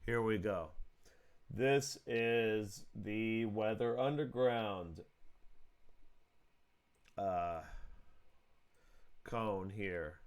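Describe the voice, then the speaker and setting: A man's voice: on the low side, extremely slow, long pauses, smooth, no echo. A man giving an informal, unscripted weather forecast as an amateur, thinking aloud in a plain-spoken, opinionated way. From Southeast Florida, US.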